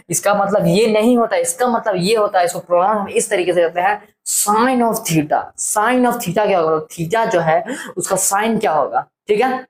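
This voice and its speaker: A young man tutoring maths in a casual, chatty way. He asks and answers his own questions and slows right down to drill each term word by word. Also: high-pitched. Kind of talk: casual classroom-style maths explanation.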